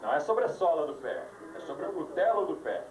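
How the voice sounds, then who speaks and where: A man teaching a live yoga class gives instructions laced with dry jokes, his rather high voice brisk and swinging widely in pitch. It's captured on an old VHS tape in an echoey room, with his voice far off and music playing behind.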